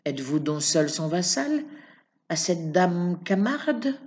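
A woman reading aloud voices a sly old male bohemian sorcerer, calm and mocking, in a low, soft and unhurried voice. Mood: philosophical.

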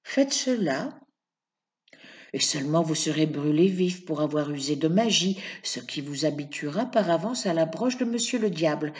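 Woman putting on a sly low-voiced old sorcerer. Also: animated. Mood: menacing. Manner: low, soft and unhurried. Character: sly old male bohemian sorcerer, calm and mocking.

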